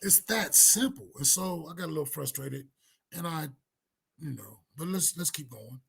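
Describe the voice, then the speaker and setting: Husky gravelly man explaining scripture. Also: fairly high pitch, animated, normal speed, a bit bright. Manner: casual, emphatic, colloquial. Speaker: Bible teacher. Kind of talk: commentary on a debate clip.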